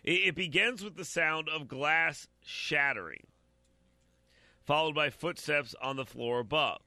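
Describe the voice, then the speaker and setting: A man's voice: a little high, measured pace, bright, forceful tone, no room sound. A man giving blunt, opinionated commentary while reading out a news story, talking straight to his audience and stumbling over repeated words.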